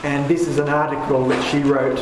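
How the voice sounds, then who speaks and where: A man's voice: medium pitch, level tone, brisk. A man leading a poetry class, talking with enthusiasm and many restarts as he rambles. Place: room with paintings, a group seated. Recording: echoey room with background noise.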